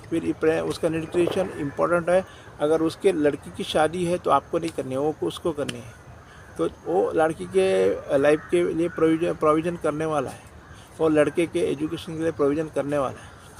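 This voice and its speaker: A man's voice: on the high side, gravelly, slight background noise, rough recording. A man with an Indian accent gives a motivational sales talk to insurance agents. He talks directly and repeats his phrases. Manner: direct, repeats phrases, often says "dosto".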